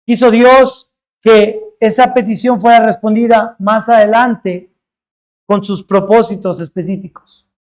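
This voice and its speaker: A man preaching in a fairly high voice, earnest and emphatic as he works through a scripture passage. He stretches out important words and lets his voice fall away at the ends of points. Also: steady tone, a little slow. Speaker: pastor. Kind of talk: sermon.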